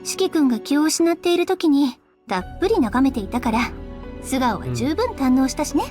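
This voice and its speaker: A seductive, teasing teacher in a visual novel game. She speaks high, lively and quick, with a sing-song playfulness. Soft music plays faintly behind her. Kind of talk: anime game voice acting.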